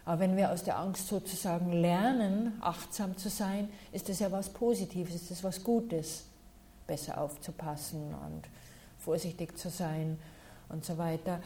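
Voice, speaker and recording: Female meditation teacher, low warm voice, calm explanatory delivery answering questions. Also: measured pace, a little hiss or hum.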